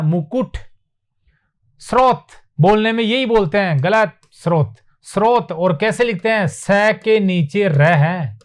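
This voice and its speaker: Male teacher, high voice, lecturing at a board; drills each word, asks and answers his own questions. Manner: repeats words slowly for emphasis, asks and answers himself. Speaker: Hindi teacher. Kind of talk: classroom lecture on spelling. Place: classroom with whiteboard.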